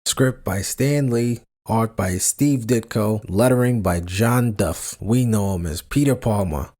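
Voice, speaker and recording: A man's voice: fairly low pitch, a little slow, a little mellow. A man reading scripted comic-book narration in a dramatic announcing manner.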